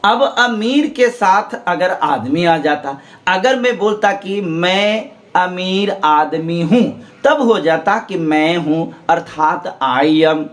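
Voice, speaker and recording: A man's voice: sits high, expressive, slow. A man teaching English grammar in Hindi, explaining step by step and asking and answering his own questions. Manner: drills learners to repeat aloud.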